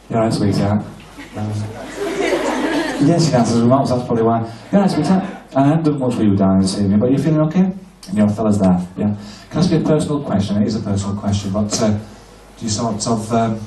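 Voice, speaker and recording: A man performing a live comedy hypnosis show on stage, mixing crude, cheeky banter with slow hypnotic patter. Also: mid-range voice, background noise. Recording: echoey venue from far off, loud crowd. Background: laughing audience.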